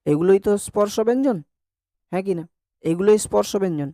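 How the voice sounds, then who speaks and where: A man's voice: high voice, expressive, quick pace, mellow, no echo, clean studio sound. A male teacher giving a classroom lesson, asking the class questions and repeating sounds over and over to drill pronunciation. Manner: asks the class checking questions. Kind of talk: classroom lesson on Bengali grammar.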